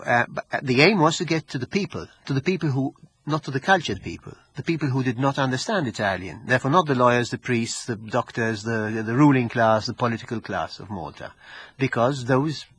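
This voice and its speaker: A man's voice: medium pitch, a little fast, husky, dry recording. A man with a Maltese accent speaking as an interviewed researcher in a scholarly discussion, often repeating and rephrasing his words as he goes.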